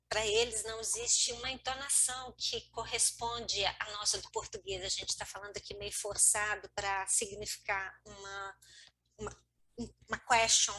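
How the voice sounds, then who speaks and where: Female co-teacher chiming in on a video lesson, crisp bright tone, steady explaining. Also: mid-range voice, slight background noise, poor audio. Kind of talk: online class discussion.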